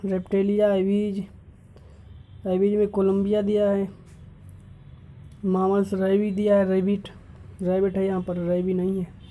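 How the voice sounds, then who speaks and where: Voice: mid-range voice, monotone, slow pace, pauses often, narrow, tinny audio, slight background noise. A teacher on a video channel reads out an exam syllabus topic by topic and stops to point out mistakes in it. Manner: lists topics one by one, stopping to correct errors. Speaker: YouTube teacher.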